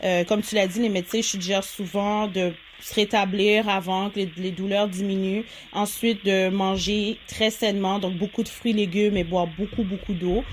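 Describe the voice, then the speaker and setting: A woman's voice: mid-range voice, little pitch movement, moderate pace, few pauses, slight background noise. A woman, hosting an interview and asking long, hesitant questions. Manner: hesitant questions with many "euh" fillers. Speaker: host. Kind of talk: casual interview.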